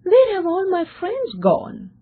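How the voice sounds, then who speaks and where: A woman voicing a rich, mean young man who grows lonely, speaking in a high, strained, pleading way. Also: huge pitch swings, takes it slowly, full character voice. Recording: tinny phone-like sound.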